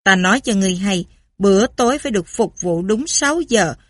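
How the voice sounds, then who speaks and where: A woman's voice: mid-range voice, animated, brisk, no echo, lightly acted. A woman voicing a pompous, condescending English lord giving orders. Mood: haughty. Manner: condescending, commanding.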